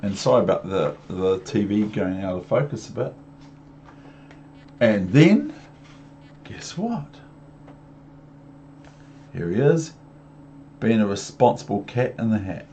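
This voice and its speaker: A man from New Zealand reads a picture book to little kids, throwing in chatty asides and questions in a rhythmic, repetitive way that talks down to them. His low, dark voice moves slowly with big pitch swings and frequent pauses. The home recording is muffled and lo-fi, with background noise.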